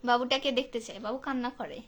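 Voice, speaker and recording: A woman's voice: fairly high pitch, a little fast, noisy background. A woman from Bangladesh, hosting a live stream and chattily reading out and answering viewers' comments. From Santahar, northern Bangladesh. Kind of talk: casual live-stream chat.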